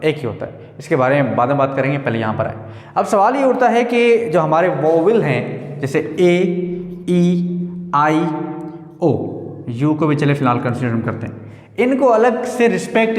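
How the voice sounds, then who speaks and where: A man with a fairly high voice teaches a grammar lesson, walking through each point slowly and putting questions to his listeners. He repeats words as he goes. The sound rings with a long reverb, as if he is recording in a bare room. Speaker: English teacher.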